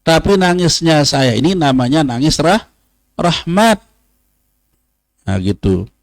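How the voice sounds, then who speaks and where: A man, teaching a religious study session, who says Arabic phrases slowly and then explains them. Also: on the high side, big pitch swings, dry recording. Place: pesantren study hall.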